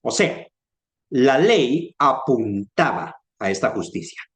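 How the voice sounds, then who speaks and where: A man preaching a Bible sermon, telling stories in an animated way and acting out dialogue. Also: medium pitch, slow pace. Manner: animated storytelling with acted-out dialogue.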